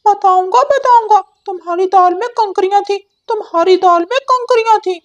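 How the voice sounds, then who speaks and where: A woman voicing a young male parrot in a cartoon, a loud tattletale who whines and stammers when scared. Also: very high voice, normal speed, voice pushed up. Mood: taunting.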